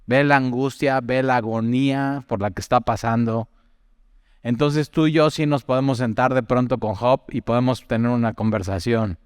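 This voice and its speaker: A young man delivers a casual, conversational sermon with a smooth, resonant voice. He tells personal stories and keeps asking the listener questions. The mic is close and dry, with a long reverb tail behind it. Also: mid-range voice, fairly even intonation, moderate pace, darkish tone. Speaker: preacher.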